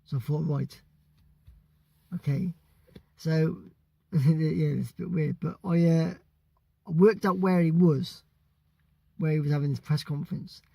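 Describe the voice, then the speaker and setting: A British man from the UK telling a story casually, excitable and stumbling over his words. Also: fairly high pitch, measured pace, gravelly, pauses often, dry recording. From United Kingdom. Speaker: vlogger.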